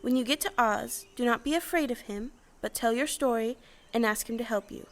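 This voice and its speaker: A motherly old witch of goodness, played by a woman, speaks in a high voice. She is formal, deliberate and reassuring, in the manner of a storybook audio play. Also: natural voice. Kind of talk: stage audio play acting.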